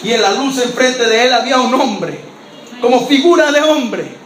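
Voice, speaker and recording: Un pastor que predica contando una historia con viveza, haciendo las voces de los personajes y alzando la voz a menudo. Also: male voice, extremely high pitch, normal speed, a little hiss or hum. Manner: lively storyteller, acting out voices, often shouting. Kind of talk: sermon storytelling. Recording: echoey church hall with faint ambience.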